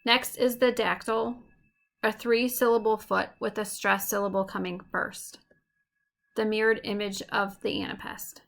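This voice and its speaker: A woman teacher giving a recorded lesson, explaining clearly and slowing down to tap out rhythms. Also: medium pitch, fairly even intonation, a bit bright.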